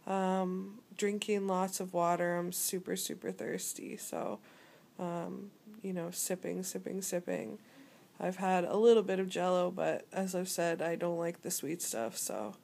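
A young woman speaks casually from a hospital bed, tired and weak after surgery. Her delivery is slow and low in energy, with plenty of vocal fry. She is recorded on a handheld phone, with faint noise in the room. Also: darkish tone. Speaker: vlogger. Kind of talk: casual video update. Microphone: phone at arm's length.

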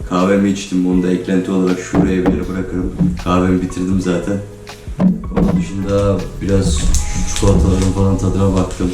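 A young vlogger with a cold talks casually to camera while making breakfast in a holiday home's kitchen, his low voice sounding flat and robot-like at a brisk pace. He's chatty and keeps calling viewers "friends." A tripod camera a few steps away gives a roomy, distant sound with faint music.

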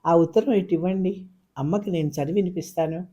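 A man voicing a calm, self-sacrificing young woman in a storybook reading, speaking gently and steadily. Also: high voice, a little fast, husky, dull audio. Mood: gentle steady.

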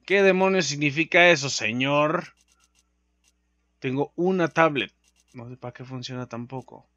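A young man with a Mexican accent commenting on his own gameplay, excitable, swearing and yelping when startled. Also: a little high, measured pace, no room sound, dull audio. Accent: Mexican Spanish. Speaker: gaming commentator. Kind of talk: let's play commentary.

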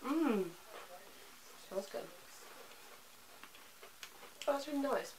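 A woman's voice: sits high, lively intonation, drawn-out words, distant mic, background noise. A young woman chatting casually while tasting snacks with her mother, talking with her mouth partly full. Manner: chatty, easygoing, self-deprecating. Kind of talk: casual chat.

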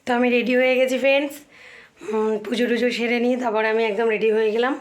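Hoarse woman vlogging. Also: a little high, steady tone, fast talker. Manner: chatty, homely, addresses viewers as friends. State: hoarse from a cold. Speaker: family vlogger. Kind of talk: casual home vlog talk. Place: at home.

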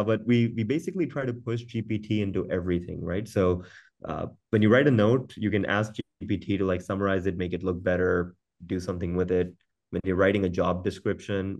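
A company founder presents his product in an informal, conversational webinar over a video call. His voice is low with a darkish tone, and he often repeats words as he goes.

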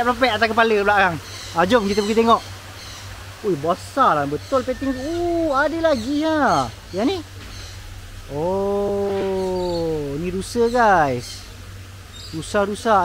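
A man with a Malaysian Malay accent, chatting excitedly to viewers on a walking tour vlog through an outdoor petting zoo. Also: high voice, a little hiss or hum. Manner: chatty, excitable, keeps addressing viewers as guys. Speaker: vlogger.

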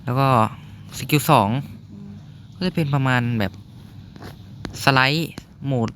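A young man giving casual gameplay commentary, chatty, explaining the game as he plays and reacting with quick exclamations. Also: medium pitch, fairly bright tone, a little hiss or hum. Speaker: gaming YouTuber. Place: noisy spot at home.

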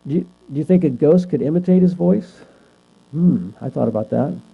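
Leading a Bible class in a chatty style, this man keeps posing questions to the class and tagging on "right?" to check in. His voice is on the high side and expressive, with vocal fry and a moderate pace, and the lo-fi recording carries a mains hum.

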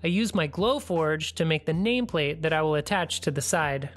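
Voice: medium pitch, animated, moderate pace, soft background music. A DIY channel host giving a plain, practical, step-by-step tutorial voice-over.

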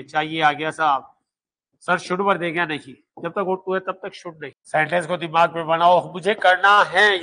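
A man's voice: high-pitched, a bit bright. Emphatic man drilling a class. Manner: emphatic, repetitive drilling, rhetorical questions. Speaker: law exam coaching teacher. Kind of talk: classroom lecture.

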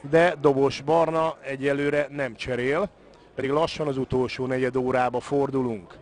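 A man's voice: medium pitch, fairly even intonation. A man giving live football commentary, moving between naming the play and analysing the match.

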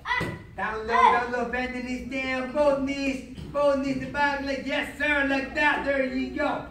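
A man's voice: extremely high pitch, flat delivery, measured pace. A man leading a martial arts class, calling out commands and counts. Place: large indoor hall. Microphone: far-off camera. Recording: echoey noisy hall from far off.

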